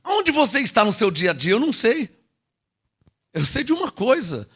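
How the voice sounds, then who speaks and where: Animated preaching man, loud then hushed. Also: normal speed, slightly rough. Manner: preaches with dramatic swings from loud calls to hushed low asides, drawing words out; checks in with the listeners, calling out "alô?" and "irmão". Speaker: pastor. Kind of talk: sermon.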